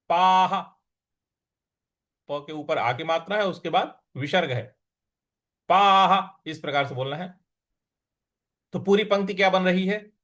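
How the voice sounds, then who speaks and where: A man teaching the recitation of a Sanskrit verse, breaking words into syllables and chanting the lines slowly between quick spoken explanations in Hindi. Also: a little high, a bit bright. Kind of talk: slow syllable-by-syllable recitation lesson.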